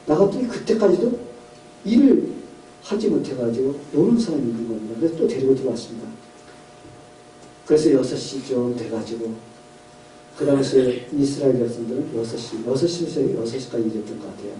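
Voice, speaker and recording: A man's voice: mid-range voice, animated, a little fast, dark tone, echoey room, distant mic, a little hiss or hum, rough recording. A male pastor preaching a sermon, telling a parable and asking the congregation questions. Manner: storytelling with questions to the congregation, voicing characters. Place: church sanctuary.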